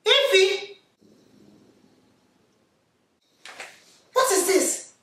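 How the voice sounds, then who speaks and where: A woman's voice: extremely high pitch, lively intonation, slow, a bit bright, slight background noise, voice pushed up, full character voice. Woman acting scolding West African mother, echoey room. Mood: indignant. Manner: indignant, scolding, rhetorical questions. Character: scolding, exasperated African mother coming home. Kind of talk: comedy skit. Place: living room, far camera. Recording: echoey room, far from mic.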